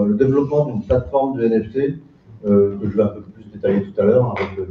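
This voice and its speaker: A man's voice: lowish voice, a little hiss or hum. A man, a company founder, introducing himself informally as a speaker on a conference panel. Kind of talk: informal self-introduction on stage. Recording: echoey, distant, tinny room sound.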